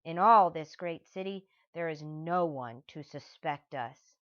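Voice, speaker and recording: A woman's voice: sits low, unhurried. A woman voicing a boastful, brutish male thief who is the sidekick. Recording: dull lo-fi recording.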